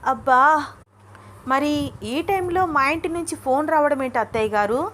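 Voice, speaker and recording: Excitable young bride in a story, high and bright, read by a woman. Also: moderate pace, slight background noise. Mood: excited. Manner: bubbly, excitable. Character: lively young wife, excitable and shy.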